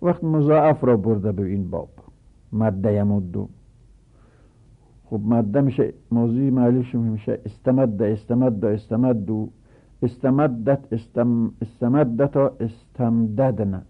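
A man with a gravelly, husky voice teaches a grammar lesson, running through verb conjugations one form after another. The audio is thin and phone-like. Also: mid-range voice. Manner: recites verb forms in rapid lists.

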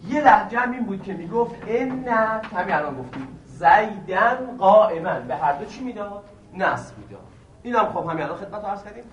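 Man, high voice, seminary grammar teacher, asks and answers his own questions, repetitive, distant mic, faint background noise. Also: a bit bright, reverberant. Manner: poses questions to the class and answers them himself; repeats each point patiently.

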